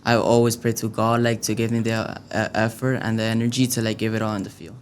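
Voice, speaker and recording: A man's voice: fairly low pitch, level tone, fast talker, slight background noise. A young man from Venezuela answering interview questions in a hesitant, casual way with many fillers. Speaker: youth soccer player, guest.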